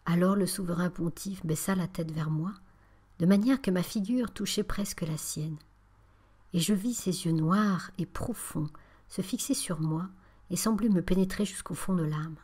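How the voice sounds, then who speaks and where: A woman with a lowish voice narrates a spiritual memoir as an audiobook. Her reading is calm, measured, and often breathy.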